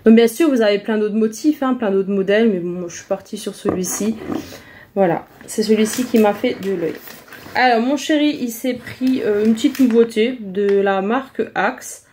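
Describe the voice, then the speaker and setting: A woman's voice: mid-range voice, moderate pace, darkish tone. A woman chatting casually through a shopping haul vlog, hesitant and full of fillers. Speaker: vlogger showing a shopping haul.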